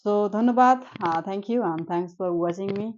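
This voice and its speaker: A woman's voice: mid-range voice, takes it slowly, darkish tone, lo-fi sound, slight background noise. A woman giving an online English pronunciation lesson, patiently repeating each point and checking that the students follow. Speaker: English teacher.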